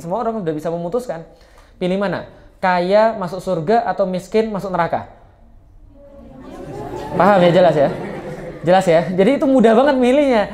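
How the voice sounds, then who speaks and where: A male Islamic preacher giving a casual, joking study lecture, often adding tag questions. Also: very high voice.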